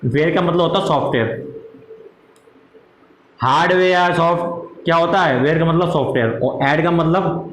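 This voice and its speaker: Hindi teacher dictating in an echoey room. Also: male voice, a bit bright. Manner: dictates slowly, repeats and quizzes the class; answers his own questions in a lower voice. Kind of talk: classroom lecture. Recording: echoey room with faint noise.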